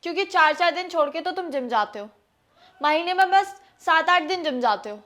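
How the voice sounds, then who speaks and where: A firm, persuasive young wife who lectures her husband on savings, played by a woman. Her voice sits high and she talks steadily, like a sensible homemaker laying down the law. It comes from a scripted family skit. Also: lively intonation, a little fast, a bit bright.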